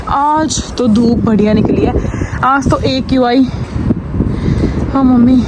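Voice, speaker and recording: Heavy background noise fills this casual daily vlog, where a young mother walks around her home chatting and venting. Now and then she switches to high, sing-song baby talk with her daughter.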